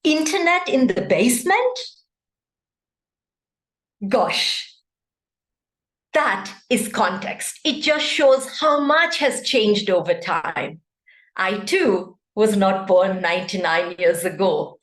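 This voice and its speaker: Slow, echoey woman giving a speech. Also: mid-range voice, fairly bright tone. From Kenya. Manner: interactive, poses questions to the audience. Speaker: club speaker. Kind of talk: prepared speech at an online meeting. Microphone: video call. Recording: echoey room.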